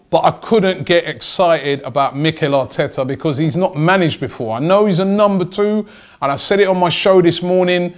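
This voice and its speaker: A middle-aged man giving opinionated football commentary as a show host, speaking emphatically and repeating phrases for stress. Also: a little high. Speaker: football fan channel host. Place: indoor studio desk with branded backdrop. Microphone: several stand microphones on desk.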